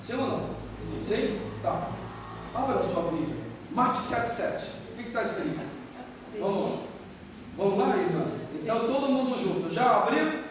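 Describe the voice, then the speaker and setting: A man's voice: very high voice, lively intonation, moderate pace, long pauses. A middle-aged man from Brazil preaching a sermon, rousing the congregation into call-and-response chants. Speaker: guest preacher. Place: large church hall. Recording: echoey church from far off. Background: congregation responding, room noise.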